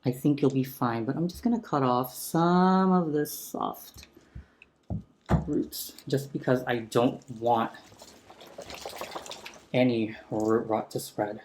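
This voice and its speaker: A man talking casually while repotting a houseplant at home, gently enthusiastic, speaking into a sensitive close mic turned up for ASMR. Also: medium pitch, takes it slowly, long pauses. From San Francisco area. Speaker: plant vlogger. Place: home room with a chandelier.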